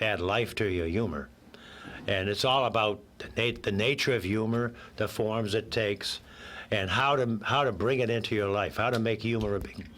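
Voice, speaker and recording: The recording carries a slight hiss or hum as an older man, hoarse with a cold, is interviewed on the radio. His voice is lowish with a fairly bright tone, and he rambles a little, joking and laughing at his own quips.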